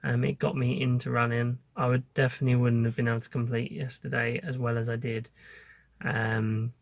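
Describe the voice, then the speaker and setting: A man speaks in a gravelly, creaky voice at a middling pitch, recorded dry and close. He sounds like an informal vlogger giving a casual update, hesitating as he thinks aloud. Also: flat delivery, a little fast, dry recording.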